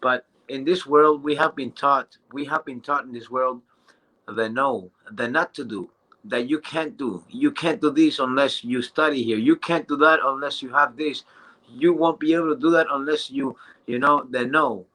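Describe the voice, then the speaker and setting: A man in his thirties giving an excited, casual motivational testimonial, often restarting and stumbling over his words. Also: mid-range voice, poor audio. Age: 30s. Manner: excited and halting, with many restarts and fillers. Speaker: business testimonial speaker.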